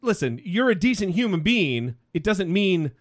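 A man with an American accent hosts a casual podcast in a lively, up-and-down voice that sits a little high. He rambles through his stories with jokes along the way. The sound is dry and close. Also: normal speed, dry recording. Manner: joking, rambling storyteller. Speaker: host.

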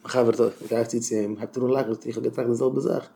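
A male rabbi gives a heartfelt talk of encouragement to teachers. His voice sits at an ordinary middle pitch and swings from near-mumbled asides to loud, fervent bursts. A faint hiss of noise hangs behind him. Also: steady tone, quick pace, creaky. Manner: swings from low murmurs to loud impassioned bursts. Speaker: rabbi giving a talk to educators. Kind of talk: Yiddish chizuk talk.

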